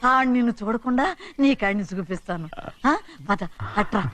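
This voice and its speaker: A woman's voice: medium pitch, moderate pace, a bit bright, lightly acted. An actress playing a grieving older village mother who pleads with her son in rustic, affectionate film dialogue. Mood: tender.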